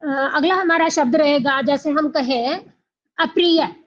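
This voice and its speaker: A woman teaching an exam coaching class, asking questions and answering them herself, repeating key words slowly. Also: high-pitched, dull audio. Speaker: Hindi teacher.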